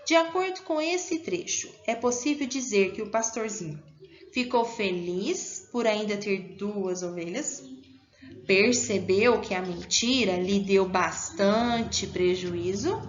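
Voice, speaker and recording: A woman's voice: mid-range voice, takes it slowly, highs cut off. A Brazilian woman teaching a primary school class online, patient and encouraging, asking the children questions as she goes. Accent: Brazilian Portuguese.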